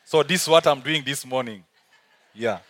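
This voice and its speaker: In a mid-range voice with a fairly bright tone, the man delivers his sermon at normal speed. He is a guest preacher in church with a South Sudanese accent, speaking earnestly and driving key phrases home through repetition.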